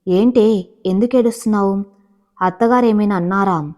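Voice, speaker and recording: A caring middle-aged mother from a storybook speaks gently and with worry, as a woman reads her lines. The voice sits at an ordinary middle pitch. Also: normal speed, lightly acted. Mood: worried. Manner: worried, gentle.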